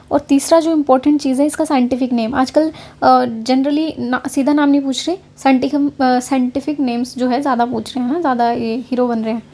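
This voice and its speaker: High, mellow-voiced woman teaching exam prep. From Haryana, India. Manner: conversational, checks in often with filler words. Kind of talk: casual lecture over slides.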